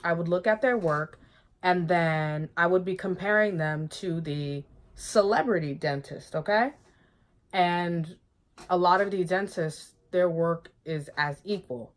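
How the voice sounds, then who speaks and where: A chatty woman talks straight to her viewers, emphatic and quick to laugh. Her voice sits a little low, and she keeps checking in with "okay?". The whole thing has a casual, personal vlog feel. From United States. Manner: laughs often, bursts of excitement. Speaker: vlogger. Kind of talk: casual chat to camera.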